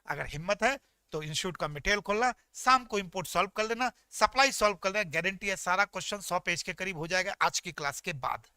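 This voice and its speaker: A male tax teacher giving an energetic, joking classroom lecture, talking straight to his students. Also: high-pitched, a little fast, clean tone, no room sound.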